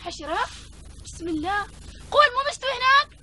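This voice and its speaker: Worried mom, very high voice, quick questions, noisy background. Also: female voice, sing-song. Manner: anxious, probing. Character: worried middle-aged mother, anxious about her sons. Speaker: actor. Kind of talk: TV drama acting. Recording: drama audio with audible noise.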